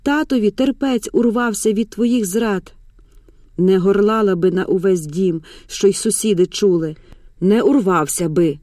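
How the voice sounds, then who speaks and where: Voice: mid-range voice, drawn-out words, hardly any pauses, dark tone, dry recording, clean studio sound, recorded from a distance. A reader voicing a hysterical middle-aged mother in an audiobook who screeches accusations at her family. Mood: accusing.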